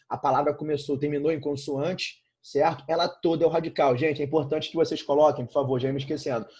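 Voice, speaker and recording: A man's voice: mid-range voice, warm tone, breathy edge. A Brazilian man teaching an informal online grammar lesson, repeating points and checking in with frequent tag questions. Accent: Brazilian Portuguese.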